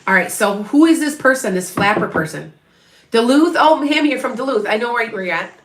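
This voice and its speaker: Here the same Wisconsin medium, a middle-aged woman with an Upper Midwest accent from northwest of Chicago, talks on the high side, animated and a little fast. She meanders through a live reading, chatting with viewers, restarting often and tossing in asides. There's noticeable reverb.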